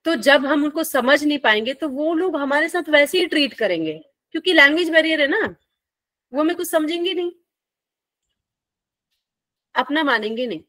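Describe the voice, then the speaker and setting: A woman's voice: sits high, animated, normal speed, pauses often, fairly bright tone, no room sound. A woman teacher, giving a friendly, playful lecture and asking her students questions as she goes. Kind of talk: classroom lecture.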